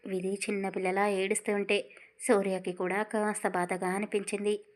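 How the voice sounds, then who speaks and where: A woman narrating a romance audio story in a steady, even reading. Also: mid-range voice, normal speed.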